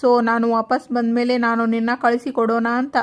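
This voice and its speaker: A woman voicing an earnest young man making a quiet request. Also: on the high side, completely flat delivery, normal speed, natural voice.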